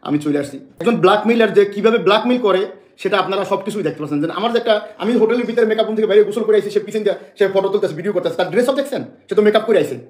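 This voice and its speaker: A man's voice: high-pitched, rapid-fire, darkish tone, roomy sound. A man from Bangladesh making an emotional public statement to the press, agitated and repeating phrases over and over.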